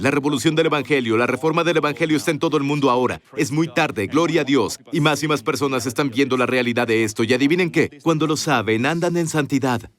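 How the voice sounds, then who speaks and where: In a voice-over studio, a man records a dubbed sermon in a mid-range voice. He preaches with emphasis and puts rhetorical questions to the congregation.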